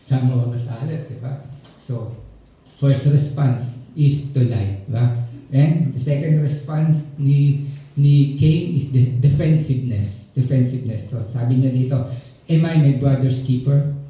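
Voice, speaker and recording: A man's voice: mid-range voice, unhurried, mellow, distant mic. A man with a Filipino accent preaching a conversational sermon as pastor, chatty and joking, always checking in with the congregation. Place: church hall. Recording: very echoey, dull church room.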